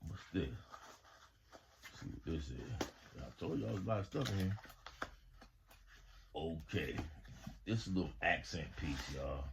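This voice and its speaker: A man's voice: a bass voice, lively intonation, takes it slowly, vocal fry, pauses often, noisy background. A man casually showing off home products in a haul video, talking to his viewers in a laid-back, slangy way. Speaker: vlogger reviewing home products.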